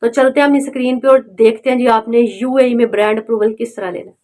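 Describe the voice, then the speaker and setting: High-voiced woman urging viewers on. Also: fairly even intonation, fast, a little mellow. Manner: urging, repeats "okay" fillers, direct address. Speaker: online selling tutor. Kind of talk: motivational tutorial talk.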